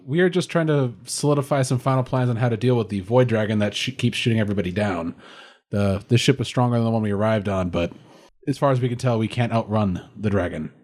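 A man's voice: fairly low pitch, fast talker, a little mellow. A man talking casually as a player on a tabletop role-playing podcast. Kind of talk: casual tabletop game chat.

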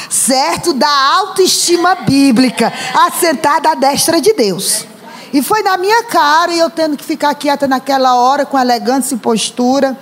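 A high, bright-voiced woman delivers a lively sermon on a stage mic in a church. She teases the congregation with funny stories, then climbs into shouted proclamations. A faint room ambience sits under her voice. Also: slight background noise. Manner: animated, humorous, rising to shouts. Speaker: preacher. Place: church hall.

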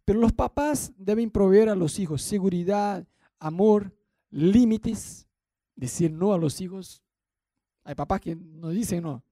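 A man's voice: high voice, unhurried, mellow, no echo, clean studio sound. A young man preaching a conversational sermon with a Rioplatense Spanish accent, often asking the congregation questions. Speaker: pastor.

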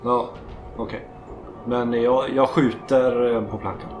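A man's voice: mid-range voice, level tone, echoey room, slight background noise. A man playing in a tabletop role-playing game who swears often when his rolls go wrong and argues over his shots. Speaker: player.

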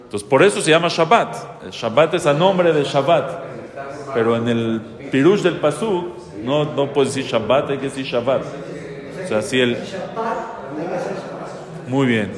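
Rabbi teaching in a reverberant hall. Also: male voice, on the high side. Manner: chants Hebrew verses, then translates and explains them; asks and answers his own rhetorical questions. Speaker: rabbi teaching a Torah class. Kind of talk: religious lesson to a live audience.

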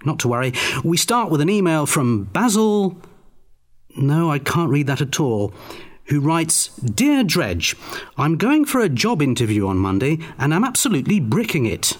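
A British man presenting a scripted radio comedy show in a dry, deadpan manner. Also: a little high, normal speed.

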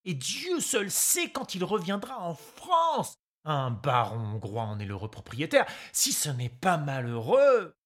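A woman voicing a boisterous, crude, bearded male sculptor in a read-aloud story, loud and exclamatory. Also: sits low, huge pitch swings, measured pace, few pauses, full character voice. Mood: indignant. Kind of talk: audiobook character reading.

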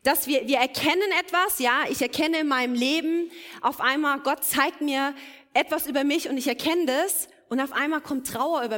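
High-voiced woman preaching in a reverberant hall. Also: fairly bright tone. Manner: earnest, building to emphatic exhortation. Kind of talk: sermon. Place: church hall. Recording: long reverb of a church hall.

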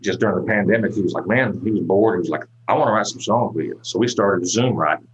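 Deep-voiced man, rambling, relaxed. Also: fast talker, highs cut off. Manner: rambling, relaxed, many fillers and restarts. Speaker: country singer-songwriter, guest. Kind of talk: casual interview talk.

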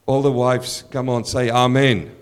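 A man with a croaky voice preaching a sermon as a pastor, putting direct questions and appeals to his listeners. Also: medium pitch, flat delivery, moderate pace.

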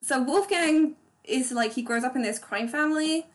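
A woman chats on a podcast in a slightly high voice. She rambles through her points, padding them with fillers and restarting her sentences as she goes. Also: moderate pace. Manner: chatty, many fillers and restarts. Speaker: podcast co-host. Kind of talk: casual chat.

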